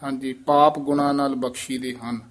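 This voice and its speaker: A man teaching correct scripture recitation, slowly demonstrating pauses and stresses line by line. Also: medium pitch, little pitch movement. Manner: slow, careful, instructive, demonstrates phrasing.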